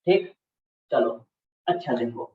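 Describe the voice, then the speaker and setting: A man's voice: medium pitch, lively intonation, slow, slight background noise. A man teaching a class, repeating key terms and often checking that students follow. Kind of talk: classroom lecture. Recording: distant, echoey, dull-sounding classroom recording.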